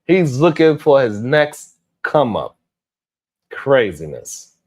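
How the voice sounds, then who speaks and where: A man's voice: mid-range voice, big pitch swings, takes it slowly, a little mellow. A man in his forties giving exasperated, casual commentary on a live panel stream, swearing when he loses his words. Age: 40s.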